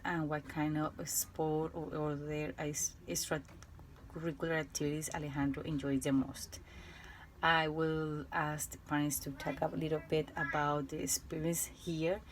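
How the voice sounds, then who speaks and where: A woman teacher from Colombia with a Colombian Spanish accent, Spanish her first language, reading a prepared report in a careful, halting way with restarts and fillers. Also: deep voice, slight background noise, low-quality recording.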